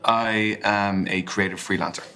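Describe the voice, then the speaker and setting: An awkward young speed dater with an Irish accent and a very deep voice. He jokes in a dry, hesitant way and stumbles over his words. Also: steady tone, measured pace, creaky, sharp tone, faint music behind, exaggerated voice. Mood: awkward, joking. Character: awkward, sarcastic young man on a speed date. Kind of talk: live-action game acting.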